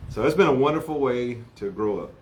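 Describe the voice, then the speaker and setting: A man from Houston, a guest author talking in a casual interview, folksy and quick to laugh. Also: mid-range voice, animated, slight background noise. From Houston, Texas. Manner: laughs easily, folksy and proud.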